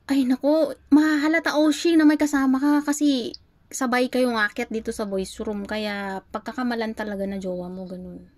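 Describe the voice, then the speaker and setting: A woman's voice: fairly high pitch, fairly even intonation, moderate pace. A Filipina host of a voice-room chat, teasing her guests playfully on a phone mic. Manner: playful, teasing, many restarts. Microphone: phone in a voice-chat app.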